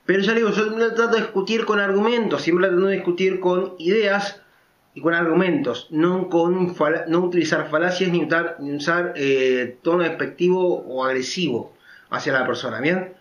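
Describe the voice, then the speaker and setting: A man giving a casual opinion monologue as a vlogger, talking loudly and emphatically and checking in with frequent tag questions. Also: high voice, normal speed, roomy sound, muffled recording. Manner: naturally loud, emphatic speaker.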